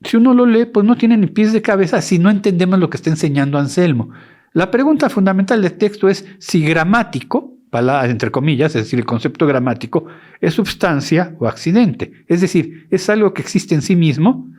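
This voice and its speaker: A man's voice: high-pitched, lively intonation, fairly quick, darkish tone. A man giving an educational lecture who speaks with animation and often stops to correct himself.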